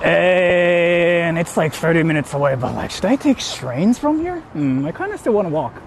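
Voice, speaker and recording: A man with a somewhat high voice and big pitch swings walks outdoors through a city while livestreaming, speaking at a moderate pace. He reads viewers' comments and replies in a rambling, sweary manner, often questioning himself, against clear street noise.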